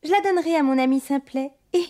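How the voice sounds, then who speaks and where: Brief: actress as a high, mellow-voiced kind young princess, music under. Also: female voice, fast, lightly acted. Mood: polite. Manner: sweet, polite, gentle. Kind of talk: storybook record acting.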